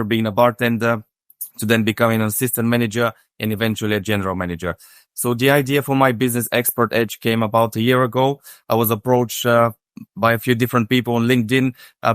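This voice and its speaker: A man from Bulgaria with Bulgarian as his first language, speaking as a podcast guest. His delivery is steady and even, with little rise and fall, and a smooth, resonant tone. The sound is dry and close. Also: medium pitch, dry recording. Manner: steady, methodical, many "uh" fillers. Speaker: podcast guest, hospitality consultant. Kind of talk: casual interview answer.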